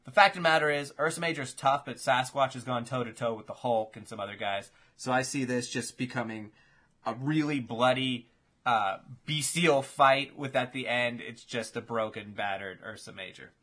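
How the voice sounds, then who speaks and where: A man hosting a casual chat, telling imagined fight matchups in an animated, swearing play-by-play. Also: mid-range voice, moderate pace.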